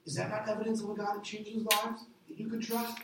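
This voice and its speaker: A man's voice: sits high, level tone, a little fast. Middle-aged pastor guy preaching, acts out voices, lots of questions, echoey hall, faint room noise. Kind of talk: sermon. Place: church hall. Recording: echoey hall, distant mic.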